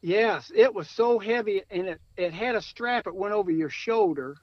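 A man's voice: high voice, normal speed, no room sound, dull audio. A man from Michigan talking casually about hunting gear, rambling and repeating words, laughing often. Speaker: podcast guest, coon hunter. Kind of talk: casual chat.

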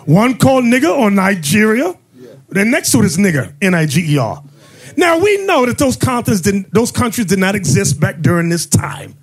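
A man acting as bishop and host, preaching in a fiery way, mocking and often shouting. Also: high voice, sing-song, normal speed, breathy edge.

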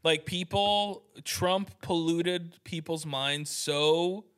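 High, bright-voiced ranting podcast host. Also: male voice, drawn-out words, clean tone. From United States. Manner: irreverent, ranting, profane. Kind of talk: casual podcast chat.

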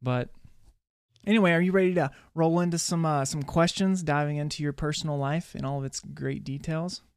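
Smooth-voiced easygoing male podcast host. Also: a little high, fairly even intonation, a little fast, dry recording, studio quality. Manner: easygoing, teasing, with many ums and restarts. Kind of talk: casual interview.

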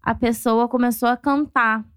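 A Brazilian woman co-hosting a podcast in casual chat, talking in rambling asides and quick to laugh. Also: a little high, fairly even intonation, clean tone, dry recording, clean studio sound. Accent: Brazilian Portuguese. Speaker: podcast co-host.

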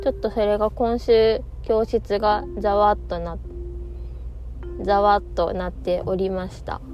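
A woman's voice: medium pitch, little pitch movement, unhurried, darkish tone, faint music behind. A woman with a nasal, stuffy-nosed voice from a cold, chatting casually in a personal audio diary recorded outdoors on the way home. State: congested with a cold. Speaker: solo audio diary host. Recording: muffled, noisy outdoor recording.

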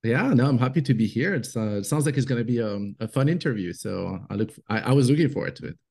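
A French man appears as a podcast guest in a casual interview, speaking quickly in a medium-pitched, expressive voice that's creaky and somewhat mellow. He hesitates a lot, filling gaps with fillers and laughter, and has a French accent.

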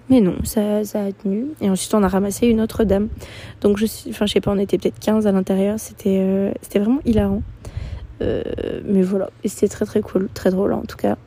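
A woman's voice: mid-range voice, little pitch movement, normal speed, mellow. A young woman vlogging from a hostel dorm, telling a travel story in a rambling way with many fillers and restarts. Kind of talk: casual storytelling.

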